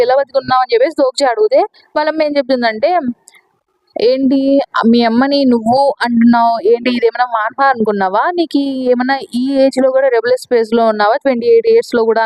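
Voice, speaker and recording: A woman with a Telugu accent and a high, slightly mellow voice narrates a manhwa recap at a fast clip, retelling each character's lines in her own casual voice and mixing in English words. The audio is poor, dry and close, with no echo.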